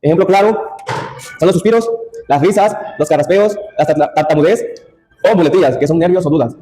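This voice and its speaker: A man's voice: on the high side, a little fast, dark tone, a little hiss or hum, low-quality recording. A young man giving a class presentation, reading from his slides with restarts and asides. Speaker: student presenter.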